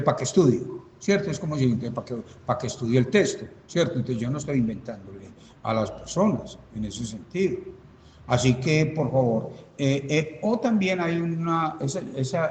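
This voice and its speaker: A pastor leading a Bible study, explaining patiently and talking to named listeners in a casual, conversational way. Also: male voice, medium pitch, a little mellow, reverberant, in a large hall, a little hiss or hum, low-quality recording. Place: church hall.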